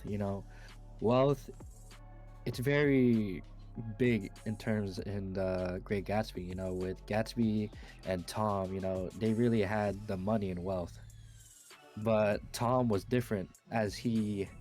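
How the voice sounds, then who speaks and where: A teenage student hosting a class podcast discussion, relaxed and dropping "you know" often. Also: male voice, on the low side.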